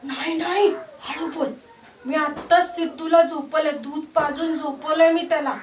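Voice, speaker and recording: A woman playing a young mother crazed by grief, hushed and fragile as she lulls an empty cradle. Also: sits high, steady tone, normal speed, reverberant, distant mic, slight background noise, natural voice.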